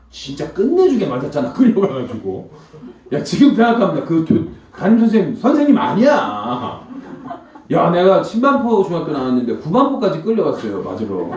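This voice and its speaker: A comedian giving an emotional testimony in church, telling his story in an animated way and acting out the voices of the people in it. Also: fairly high pitch, recorded from a distance. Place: church hall before a congregation. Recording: echoey church hall, mic from afar.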